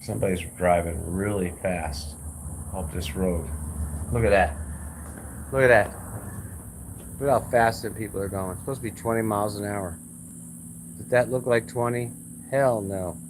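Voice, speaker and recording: A man's voice: fairly low pitch, fairly even intonation, moderate pace, noisy background. Guy ranting casually outside by a road, blunt and repetitive, faint outdoor sounds. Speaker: realtor vlogger. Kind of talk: casual vlog rant.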